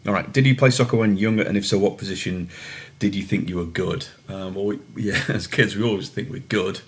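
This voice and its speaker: Low-voiced Manchester man in his forties. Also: fairly quick, slight background noise. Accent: English, Manchester. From England. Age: 40s. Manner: hesitant, many ums and restarts. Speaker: interviewee, soccer referee. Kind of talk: casual interview answers.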